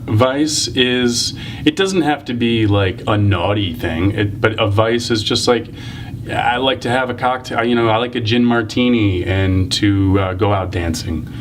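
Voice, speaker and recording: A man in his thirties interviewing someone in an elevator, teasing and playful with rapid questions. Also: on the low side, slight background noise. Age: 30s. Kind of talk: casual interview.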